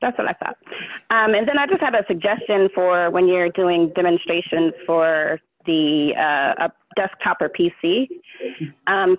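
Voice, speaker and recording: A woman calling into an online meeting over a landline phone, asking a question politely and a little hesitantly. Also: fairly low pitch. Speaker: caller. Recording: tinny landline phone line.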